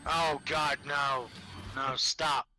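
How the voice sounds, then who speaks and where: A man's voice: on the high side, flat delivery, drawn-out words, pushed and bright. A man co-hosting a gaming podcast in casual chat, teasing and drawn out. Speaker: podcast co-host.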